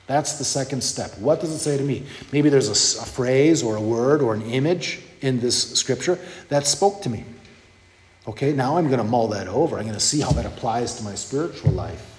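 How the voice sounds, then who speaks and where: A man's voice: medium pitch, normal speed, darkish tone. A man giving a sermon in a conversational teaching manner, often checking in with his listeners. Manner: conversational teaching with frequent "okay?" and "you know". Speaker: preacher. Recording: echoey hall with long reverb.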